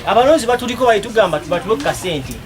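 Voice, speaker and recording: A man's voice: high voice, lively intonation, racing. A man from Uganda, a municipal councillor, speaking in an accusing tone and listing names one after another. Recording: noisy crowd behind.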